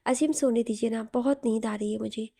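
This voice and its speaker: A woman's voice: a little high, steady tone, brisk, vocal fry, mellow, no echo, clean studio sound. A woman voicing a drowsy young wife who complains in a sleepy, sulky way in an audio story.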